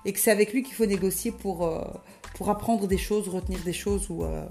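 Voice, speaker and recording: A woman's voice: mid-range voice, a little fast, darkish tone. A woman coach telling a teaching story in a chatty way with many hesitations, with faint music behind. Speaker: language coach. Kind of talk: storytelling lesson.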